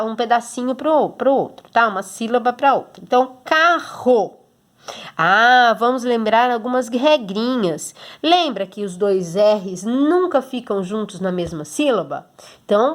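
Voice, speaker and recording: Brazilian lady teacher explaining homework slowly, keeps checking the kids follow, voice jumps around a lot. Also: fairly high pitch. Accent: Brazilian Portuguese. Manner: patient, explains step by step with many checks like "tá?". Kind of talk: recorded homework lesson for children.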